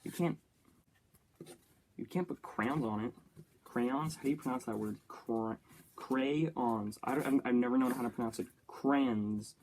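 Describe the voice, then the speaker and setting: A young man chatting to himself as a YouTuber, easily excited and joking while he builds and plays. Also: mid-range voice, normal speed, pauses often, slight background noise. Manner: chatty self-talk, easily excited, jokey. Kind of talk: casual build-and-play commentary.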